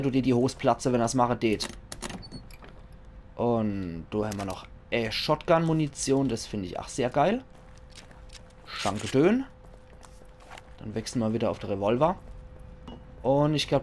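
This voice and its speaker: A man with a Palatinate German accent gives casual commentary on a video game. He sounds chatty and jokey and talks to himself as he plays. His voice sits at a middle pitch, with a light hiss of noise behind it. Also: a little mellow. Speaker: let's play commentator.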